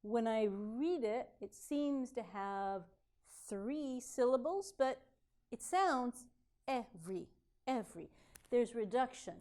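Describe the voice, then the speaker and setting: A woman with a fairly high voice gives a classroom lecture on pronunciation. She talks clearly and deliberately. She sounds out each example word carefully. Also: animated, mellow. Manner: clear, deliberate teaching delivery with modeled example words. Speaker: pronunciation instructor.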